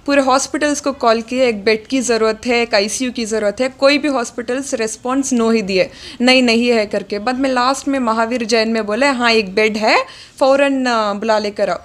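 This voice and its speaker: A young woman telling an interviewer what happened, in a halting way with many fillers and English words mixed in. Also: fairly high pitch. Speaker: interviewee, daughter of the deceased. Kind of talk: recounting events in an interview.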